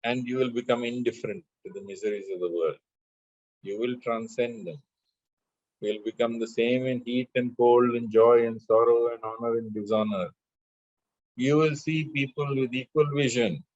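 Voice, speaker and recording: A man teaching spiritual lessons in a measured way, chanting scripture verses between his explanations. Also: medium pitch, fairly even intonation, a little mellow, dry recording, highs cut off. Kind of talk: spiritual discourse with scripture recitation.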